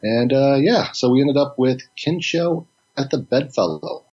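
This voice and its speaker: A man's voice: mid-range voice, expressive, measured pace, darkish tone, muffled recording. A man co-hosting a podcast in a laid-back way with dry humor, his voice still sleepy from just waking up. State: just woken up, morning voice. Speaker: podcast co-host. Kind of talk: casual podcast chat.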